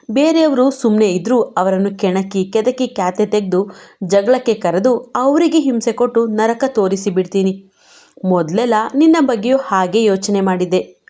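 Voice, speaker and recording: A woman voicing a hot-headed young husband who talks bluntly and roughly yet consoles his wife, in a mellow tone. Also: medium pitch, close to an everyday voice. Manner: blunt, rough-tongued, tender reassurance.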